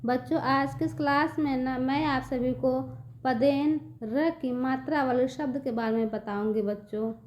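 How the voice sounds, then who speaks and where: A woman's voice: high-pitched, steady tone, unhurried, highs cut off. A woman teaching young children a reading lesson, speaking patiently and often checking whether they understand. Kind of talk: children's online Hindi lesson.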